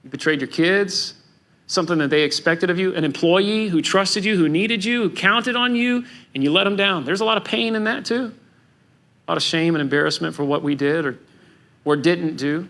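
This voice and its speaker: A man preaching a sermon as pastor, animated and acting out the voices of biblical figures. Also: high voice, moderate pace.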